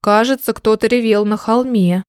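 A woman voicing a calm, sensible male bear in a storybook reading, speaking cautiously. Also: on the high side, moderate pace, no echo, clean studio sound, natural voice.

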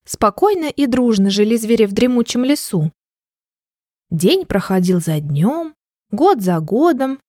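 A woman narrating a children's audiobook in a gentle, measured storytelling voice. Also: a little high, no echo, studio quality.

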